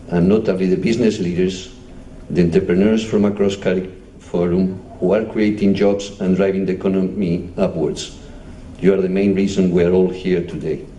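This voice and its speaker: A man's voice: low voice, warm tone. Spanish-accented man giving a formal speech. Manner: measured, formal, reading out titles. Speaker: European Union official giving a speech. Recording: echoey hall, distant mic, faint noise.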